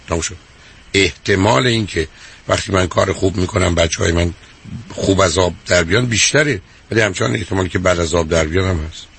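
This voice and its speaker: A man's voice: low-pitched, creaky, a bit bright, husky. A man hosting a call-in advice show, lecturing a caller bluntly and repeating his points. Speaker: radio advice host. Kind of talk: call-in counseling.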